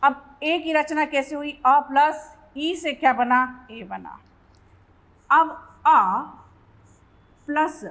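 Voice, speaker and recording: A woman teaching a Hindi grammar lesson, asking questions and answering them herself and repeating definitions slowly. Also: a little high, fairly bright tone, low-quality recording. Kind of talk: classroom lesson.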